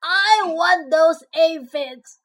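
A woman voicing a grouchy, boastful little ladybug who shouts in a screechy, drawn-out way in a storybook reading. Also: very high-pitched, heavily acted. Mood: angry. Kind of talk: storybook read-aloud.

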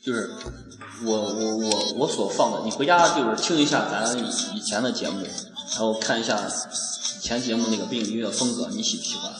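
A man's voice: fairly low pitch, a little fast. A young man, hosting a casual chat in a joking, teasing manner. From Guanzhong, Shaanxi, China. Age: young adult. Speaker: host of a student audio show. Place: small empty classroom, indoors. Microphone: basic recording equipment. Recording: echoey reverberant classroom. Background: loud background music.

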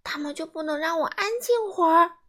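A woman's voice: sits high, big pitch swings, normal speed, a bit bright, voice pushed up. A woman voicing an upset, hot-tempered young boy in a storybook reading, with a raised, agitated childlike voice.

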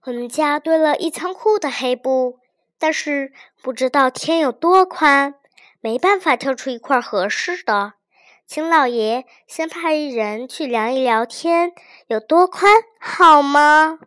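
A clever young wife answers softly and evenly, never rattled, voiced by a woman storyteller. Her voice is light and high, the pace slow and measured. It belongs in a folk tale read aloud. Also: expressive, dry recording, studio quality. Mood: sly. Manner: gentle, quick-witted, soft-spoken. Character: clever calm young daughter-in-law.

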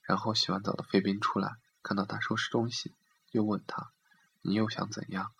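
A man reading a literary story aloud in a steady, measured way. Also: fairly low pitch, vocal fry, slightly rough.

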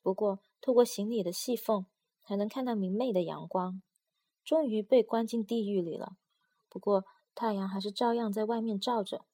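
A woman narrating a storybook in an even, storytelling manner. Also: mid-range voice, moderate pace.

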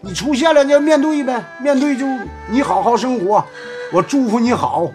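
An actor playing an earnest rural man who talks persuasively and haltingly in a TV drama. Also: very high voice, expressive, darkish tone, faint music behind. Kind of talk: TV drama acting.

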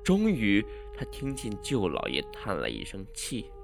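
A man narrating a horror story in a dramatic, suspenseful way, swinging between hushed and loud delivery. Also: on the low side, huge pitch swings, normal speed, creaky, faint music behind.

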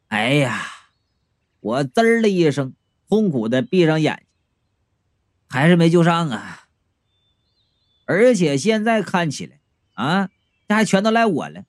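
A man narrating a comic first-person story in an expressive, playful way, full of little asides. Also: high-pitched, no echo, clean studio sound. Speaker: audiobook narrator.

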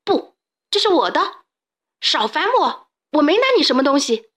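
A woman voicing a stubborn, frightened young chick boy who shouts in a high, panicky voice. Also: moderate pace, natural voice.

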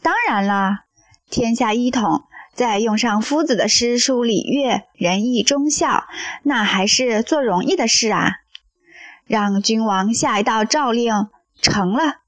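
A woman reading the lines of an eager, talkative young male disciple in an audio story, in an animated, exclaiming way. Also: fairly high pitch, unhurried, dry recording.

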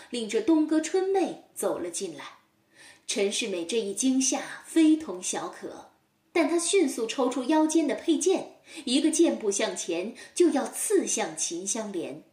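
A woman reading a storybook aloud to children, gentle and expressive. Her voice is fairly high and slow, with lots of pitch movement, and sounds roomy and a little away from the mic. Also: recorded from a distance.

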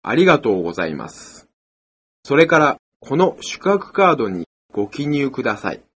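Ultra-polite husky man acting as hotel receptionist. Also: mid-range voice, very animated, moderate pace, fairly bright tone. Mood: courteous, attentive. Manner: ultra-polite, formal honorific customer-service Japanese. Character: courteous male hotel receptionist serving a guest. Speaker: hotel front desk clerk in a textbook dialogue. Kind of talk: scripted language-lesson dialogue.

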